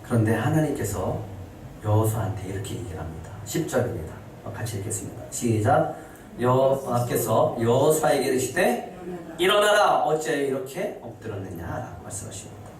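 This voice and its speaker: Male pastor, sermon, rises to high emphatic lines, booming church echo, distant mic, faint hiss. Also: lively intonation, fairly quick, darkish tone. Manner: rising to high emphatic pitch when voicing scripture quotes; asks the congregation questions, then answers them. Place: church sanctuary.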